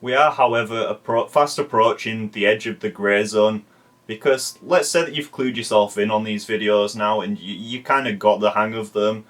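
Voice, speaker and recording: Casual commentary host, a man with a lowish voice, relaxed and chatty. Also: normal speed. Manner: chatty, swears casually, lots of "like". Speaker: video essay host.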